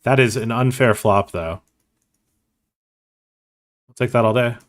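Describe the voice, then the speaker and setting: A man's voice: medium pitch, unhurried. A man streaming online poker, thinking aloud in casual, self-mocking commentary and swearing freely.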